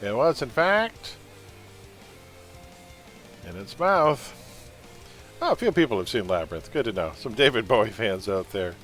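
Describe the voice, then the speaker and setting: A man's voice: lowish voice, sing-song, a little slow, pauses often, a bit bright, soft background music. A man hosting a trivia quiz on a livestream, reading questions and making sarcastic jokes between them.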